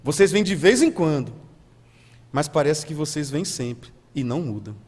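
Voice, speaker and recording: A Brazilian man, a guest pastor preaching a sermon in a church, swinging from soft and low to loud and high. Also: animated, moderate pace, slightly rough, long reverb tail. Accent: Brazilian Portuguese. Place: church hall.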